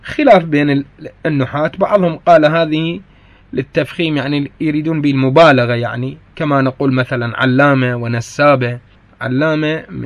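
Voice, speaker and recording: A man's voice: mid-range voice, vocal fry, no echo. A man with an Iraqi Arabic accent teaches a grammar lesson. He explains each point in turn, repeats the key phrases and corrects himself mid-sentence.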